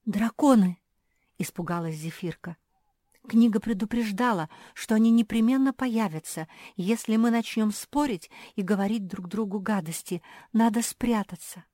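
A woman narrating a children's story in an expressive, measured way. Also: mid-range voice, dry recording, studio quality. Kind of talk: storybook reading.

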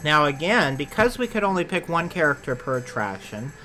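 Bright-voiced chatty male podcast host. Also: on the high side, sing-song, brisk, faint music behind. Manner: chatty, rambling, self-correcting. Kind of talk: casual chat about theme park attractions.

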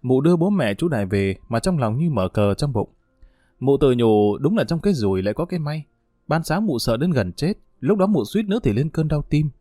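A man reading an audiobook story with expressive, lively intonation. His voice is warm and mellow, and the recording is dry and close. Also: mid-range voice, a little fast, no echo, soft background music. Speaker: narrator.

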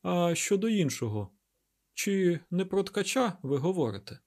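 A man putting on a nervous woman official in an audiobook, high and tense, slightly breathy. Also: sing-song, normal speed, a little mellow, full character voice. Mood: uneasy. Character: anxious female city official.

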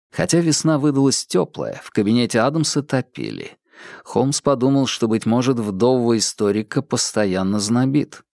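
A man reading an audiobook in an even, measured scripted narration. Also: fairly low pitch, dry recording, clean studio sound.

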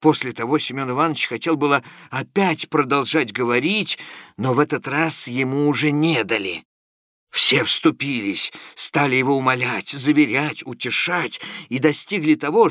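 A man reading classic fiction aloud as an audiobook narrator, in a measured, expressive way. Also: medium pitch, no echo, clean studio sound.

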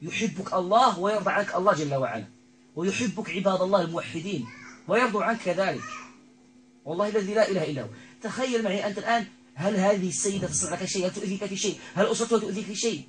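A man's voice: sits high, very fast, fairly bright tone, poor audio. A man acting as a ruqyah healer, commanding and repeating himself as he addresses a spirit in an exorcism session, full of religious phrases.

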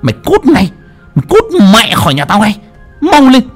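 Casting: a man doing a shrill vicious daughter-in-law, loud rapid scolding, storybook villain. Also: very animated, faint music behind. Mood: furious. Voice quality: shrill, screeching. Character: shrill cruel middle-aged daughter-in-law.

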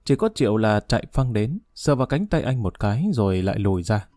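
A man narrating a story audiobook in a steady, measured way. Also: on the low side, no room sound, clean studio sound.

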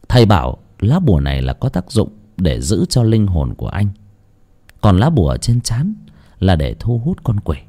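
A man's voice: lowish voice, dark tone. A man narrating a horror story with a dramatic, varied delivery.

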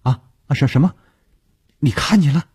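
A man's voice: fairly high pitch, big pitch swings, normal speed, pitched above the performer's own voice. A man voicing a nervous young man who stammers out anxious questions.

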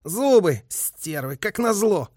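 A male audiobook reader voicing an irritable army staff officer with a toothache, who curses, shouts and groans. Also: high-pitched, big pitch swings, slow, no echo, clean studio sound, pitched above the performer's own voice, heavily acted. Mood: angry. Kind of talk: audiobook character voice.

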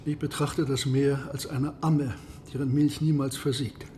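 Captain Nemo, an imperious, bright-voiced submarine captain, acted by a man. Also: medium pitch, little pitch movement, a little hiss or hum, natural voice. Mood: reverent, fervent. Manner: measured, formal, imperious. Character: proud, secretive, commanding submarine captain. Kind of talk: radio drama acting.

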